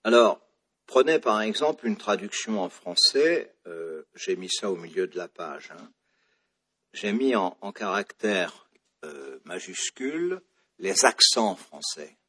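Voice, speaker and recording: Low husky French lecturer. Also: male voice, lively intonation, takes it slowly, sharp tone. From France. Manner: digressive, full of fillers and restarts. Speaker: lecturer on the psalms. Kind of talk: classroom lecture.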